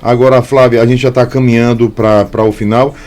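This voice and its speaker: A man hosting a radio interview in a studio, speaking in a measured way and addressing listeners directly. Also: medium pitch, level tone, a little mellow. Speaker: radio host.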